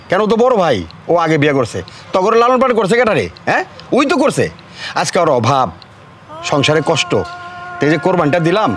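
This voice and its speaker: Man acting as a stern village father, scolding, preachy, quick speech, faint street noise. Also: sits high, fairly bright tone. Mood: explaining. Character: stern older village father lecturing his sons. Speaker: father of three sons. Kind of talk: short film acting.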